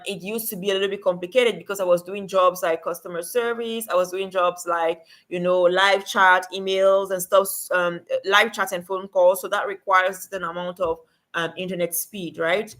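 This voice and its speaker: Woman livestream host from Cameroon, conversational with fillers, bright sound. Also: lowish voice. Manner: chatty, many fillers, talks to viewers in chat. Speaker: livestream host and remote work coach. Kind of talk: casual livestream advice.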